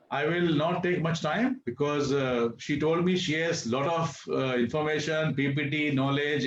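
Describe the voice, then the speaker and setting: A man with an Indian accent giving an informal introduction as host. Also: mid-range voice. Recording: echoey, muffled, faint noise.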